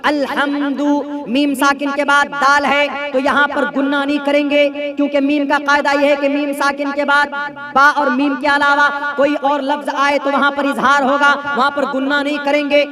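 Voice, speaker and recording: A male Islamic preacher giving a sermon on Quran recitation rules, slowly drawing out the words as he demonstrates them. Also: very high-pitched, monotone, a crowd in the background.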